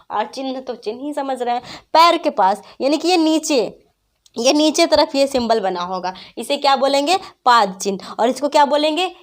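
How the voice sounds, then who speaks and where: A woman teaching a grammar lesson, patiently asking her students questions and repeating the answers herself. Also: sits high. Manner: repeats questions to students, addresses them as friends; patient, explains slowly with examples. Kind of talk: online class lesson.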